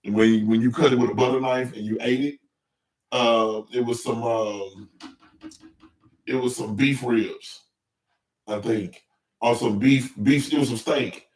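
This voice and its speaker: A man hosting a casual talk show, telling animated stories in an easygoing chat. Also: medium pitch. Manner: animated storytelling, drawn-out complaints. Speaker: podcast host.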